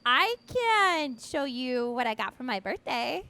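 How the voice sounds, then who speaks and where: A woman voicing a cheerful, playful young otter who giggles and gets excited. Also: sits high, heavily acted. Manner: giggly, excited, slow-spoken. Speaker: puppet otter character.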